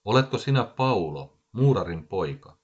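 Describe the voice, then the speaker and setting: A man's voice: fairly low pitch, big pitch swings, husky, muffled recording. A man as a bewildered aging scientist. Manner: bewildered, mumbling. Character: aging eccentric male scientist, dazed.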